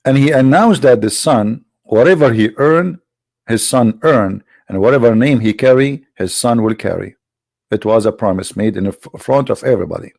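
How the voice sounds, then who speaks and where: A man's voice: medium pitch, expressive, normal speed, vocal fry, a little mellow. A man with a cold delivering a polemical monologue, mocking and full of rhetorical questions. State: has a cold. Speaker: online religious critic.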